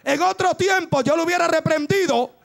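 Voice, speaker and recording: A man preaching a fervent Pentecostal sermon who shouts and exhorts in bursts, repeating his phrases. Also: very high voice, a little fast, vocal fry.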